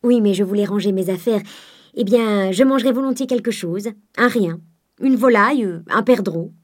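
A woman's voice: medium pitch, normal speed, lightly acted. A woman reading the part of an affable, coquettish young Parisian dandy, with an airy, polished, lightly teasing manner.

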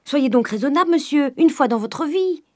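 A woman voicing a frightened servant woman who cries out in a high, loud, urgent voice. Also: animated, normal speed, no room sound, clean studio sound. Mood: alarmed.

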